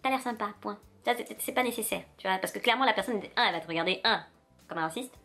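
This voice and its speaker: A young woman vlogging straight to the viewer in a sassy, animated rant, with faint music behind her. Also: medium pitch, fast talker, vocal fry. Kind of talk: casual direct-to-camera rant.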